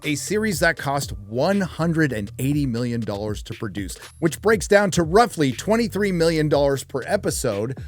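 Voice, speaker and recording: Man, slightly high voice, scripted review narration, scathing and sarcastic, music underneath. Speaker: YouTube reviewer and host.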